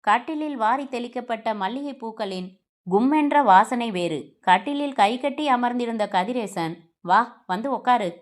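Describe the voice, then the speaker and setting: A woman's voice: on the high side, expressive, moderate pace. A woman narrating a family novel aloud, reading every character's lines in her own voice with small shifts.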